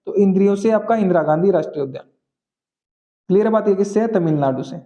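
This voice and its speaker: A man teaching general-knowledge memory tricks, repeating key phrases slowly and often checking that students follow. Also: high-pitched, warm tone, lo-fi sound. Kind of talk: exam-prep lesson with memory tricks.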